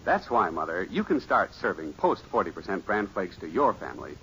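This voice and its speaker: Male announcer, 1950s radio ad pitch, lowish animated voice, muffled old recording. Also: a little fast, slight background noise.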